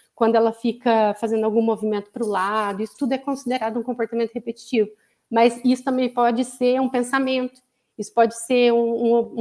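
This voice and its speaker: A woman's voice: fairly high pitch, warm tone. A woman psychologist with a Brazilian accent giving a conversational lecture, explaining patiently and often adding "né?" as a tag. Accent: Brazilian Portuguese. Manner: explanatory, frequent "né?" tags. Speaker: psychologist, guest speaker. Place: online live broadcast.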